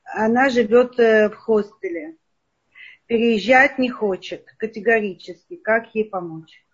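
A woman's voice: a little high, unhurried, husky, dull audio. A woman moderator reading out questions politely during an online lecture over a video call.

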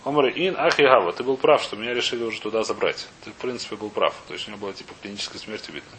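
A man's voice: on the low side, fairly bright tone. Male teacher for an informal text lesson, reads then explains, gropes for words, poses questions; slightly noisy, hissy recording. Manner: halting, searching for words, questioning himself. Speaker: teacher of a Talmud class. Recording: clear background hiss and noise.

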